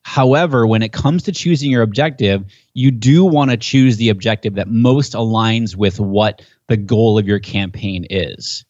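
A podcast guest with a fairly low, slightly mellow voice explains his topic at a normal speed, rarely pausing. He's enthusiastic and conversational, getting more fired up as he talks. The recording is dull and dry, without echo.

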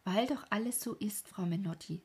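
A woman reading aloud, voicing a gentle, shy young boy in a breathy voice. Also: mid-range voice, normal speed. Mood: earnest.

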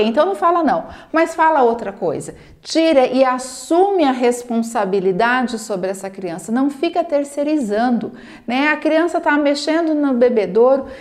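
A woman gives parenting advice straight to camera. She speaks earnestly and acts out parents' lines in quick asides. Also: a little high, a little mellow. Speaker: parenting educator. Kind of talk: direct-to-camera advice talk.

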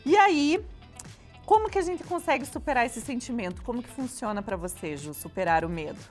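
A fairly high-voiced woman, co-hosting a relaxed conversation. She is animated, laughs easily and keeps turning to the audience. Soft music plays faintly underneath. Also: brisk. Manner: animated, laughs often, addresses listeners as "gente". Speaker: co-host. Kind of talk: casual chat.

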